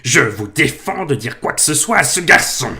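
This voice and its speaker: A man doing a shrill, blustering panicky uncle. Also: sing-song, normal speed, gravelly, sharp tone, full character voice. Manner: shrill, bossy outbursts.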